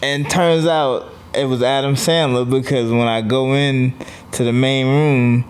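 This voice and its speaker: A man guesting on a podcast as a comedian, telling stories in a relaxed way with lots of "like" fillers. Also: medium pitch, measured pace, smooth. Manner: easygoing storyteller, lots of "like" fillers. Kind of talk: casual podcast chat.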